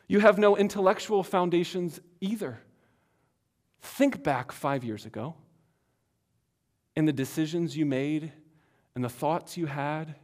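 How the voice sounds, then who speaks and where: A man preaching a sermon as pastor, earnest and emphatic, swinging between loud passages and hushed ones. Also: on the high side.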